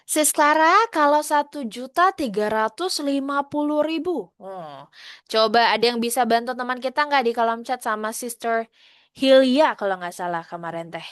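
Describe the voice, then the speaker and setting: A woman's voice: fairly high pitch, expressive, no room sound. A woman with an Indonesian accent teaching English numbers in an online class, switching between Indonesian and English and drilling the words patiently. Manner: patient, slow drills, asks students to answer in chat.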